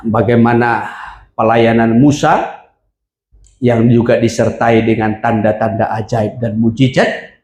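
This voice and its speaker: A male pastor preaching a sermon, explaining scripture with call-and-response and rising to emphatic shouts. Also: medium pitch, roomy sound, a little hiss or hum. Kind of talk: sermon with congregation reading verses.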